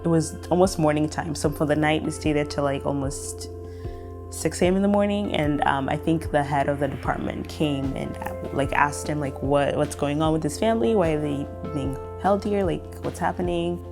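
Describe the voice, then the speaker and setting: A woman's voice: deep voice, moderate pace, over music. A young woman from Kenya, telling her story in a documentary interview, reflective and full of fillers. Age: young adult.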